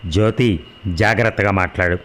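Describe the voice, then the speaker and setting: A man's voice: low voice, normal speed, a bit bright, slight background noise. A man voicing an angry, wounded young husband in a read-aloud story, hot-tempered and pleading. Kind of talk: audio drama reading.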